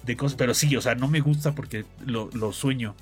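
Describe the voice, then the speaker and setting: A man's voice: mid-range voice, a little fast, music in the background. A young man with a Mexican accent, telling a story in casual chat and peppering it with slang. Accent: Mexican Spanish.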